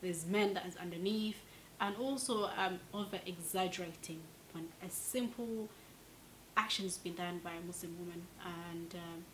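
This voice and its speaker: A woman from Somalia answers interview questions in a fairly low voice. She talks earnestly and presses her points with growing force. A faint hiss sits under the recording. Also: fairly even intonation, normal speed, a bit bright, low-quality recording. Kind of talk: documentary interview.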